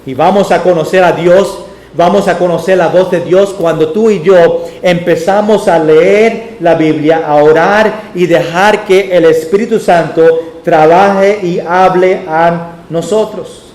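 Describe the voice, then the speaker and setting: A man's voice: high voice, measured pace, a little mellow. A male pastor preaching a sermon in a church. He tells stories and acts out the voices he quotes. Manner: storytelling, acting out quoted voices. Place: church sanctuary. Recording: echoey church room.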